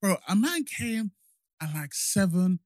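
Young male podcast co-host, London roadman accent, higher-than-average pitch, casual slangy chat, very dry recording. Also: sing-song, measured pace, darkish tone, dry recording. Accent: London, urban slang-heavy. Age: young adult.

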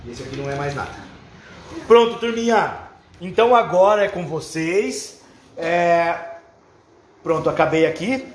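A man's voice: on the high side, animated, measured pace, pauses often. A man with a Brazilian accent addresses a class of children like a kindergarten teacher, encouraging them with simple instructions and checking questions. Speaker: workshop leader for schoolchildren. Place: roomy classroom indoors. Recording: echoey classroom with faint background noise.

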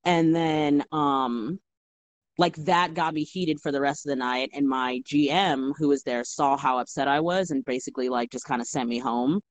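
A young woman, a bartender, telling stories in a casual, animated chat full of fillers. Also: extremely low pitch, moderate pace, dry recording. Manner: animated storytelling with many fillers. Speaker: guest bartender.

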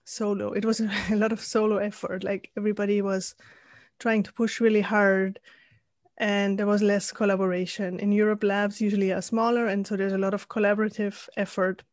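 A woman from Austria, a guest coach, telling her story in a thoughtful interview with frequent pauses and restarts. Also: mid-range voice, level tone, no echo, clean studio sound. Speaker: guest, life and leadership coach. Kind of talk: casual interview conversation.

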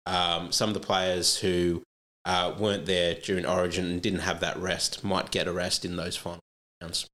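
A man's voice: low voice, flat delivery, normal speed, sharp tone. An Australian man, a podcast guest giving casual sports analysis in conversation.

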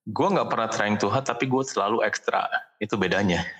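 A man's voice: on the low side, a little fast, a bit bright. A man from Indonesia with a Jakarta accent, explaining himself in casual slangy chat mixed with English. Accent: Indonesian, Jakarta colloquial.

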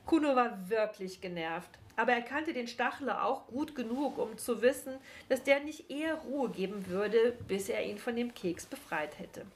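A woman telling a fairy-tale story, recapping casually before she reads on calmly. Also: on the high side, moderate pace, hardly any pauses, a little hiss or hum.

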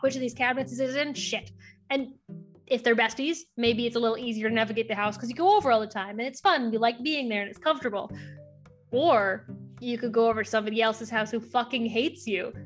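A woman's voice: a little high, fast, faint music behind. A woman guest explaining astrology in casual podcast chat, acting out little voices and swearing casually.

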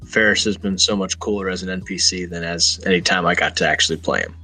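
A man's voice: deep voice, fairly even intonation, fast, sharp tone, soft background music. A man hosting a podcast, chatting casually and rambling through jokes and banter. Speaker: podcast host.

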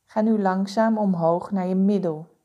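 A woman guiding a body-scan meditation with slow, soothing, calm instructions. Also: mid-range voice, lo-fi sound. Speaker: meditation guide.

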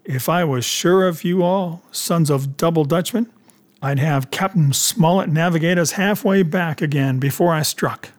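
A man's voice: a little high, measured pace, lightly acted. A man voicing a cunning, commanding pirate cook with emphatic, rustic seafaring speech in an adventure audiobook. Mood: scornful, scheming.

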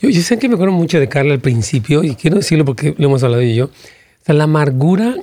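Mellow-voiced pastor host. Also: male voice, on the high side, expressive, fast, dry recording, studio quality. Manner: supportive interjections, preachy asides. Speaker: pastor hosting the interview.

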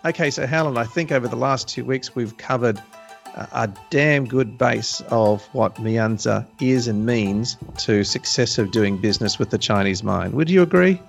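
A man hosting a podcast, summing up in a deliberate, somewhat formal conversational way. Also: medium pitch, vocal fry, soft background music. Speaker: podcast host. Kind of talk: conversational discussion and summarizing.

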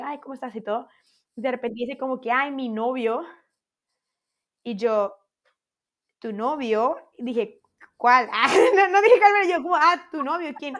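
A young woman chatting on a podcast, her voice sitting a little high as she tells a story. She acts out what people said and laughs along the way. She keeps it casual and quick. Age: young adult. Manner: animated, laughing, acting out her own quotes. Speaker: podcast co-host.

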